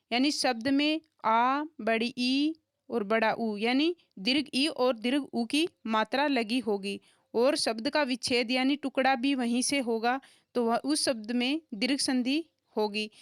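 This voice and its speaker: A woman teaching a lesson, talking slowly and deliberately. Her voice sits high and comes through smooth and clear. The recording is close and dry, with no room sound. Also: dry recording. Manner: asks rhetorical questions and answers them, slow and deliberate. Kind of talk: explanatory grammar lesson.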